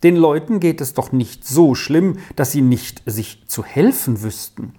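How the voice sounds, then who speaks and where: A reader voicing a lively, chatty gentlewoman. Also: mid-range voice, unhurried, breathy edge. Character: chatty kindly gentlewoman, middle-aged.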